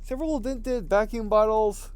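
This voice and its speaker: A gameplay video host reads the game's text aloud and makes casual comments as he plays, halting and stumbling over words. His voice is high-pitched, and there's some background noise.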